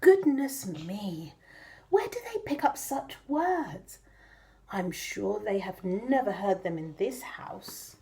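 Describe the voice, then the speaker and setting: Storybook mother pig performed by a woman: fussy, emphatic, scolding, theatrical, very animated delivery. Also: medium pitch, slow, voice pushed down. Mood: shocked. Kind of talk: children's storytelling.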